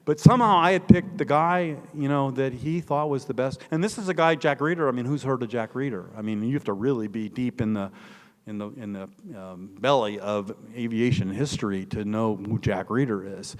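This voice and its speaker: In a brisk, medium-pitched voice, an older author from northeastern Indiana with an American Midwestern accent responds to an audience member by telling stories in an emphatic, digressive, conversational style. His public talk takes place in a large, echoey hall with lingering reverb.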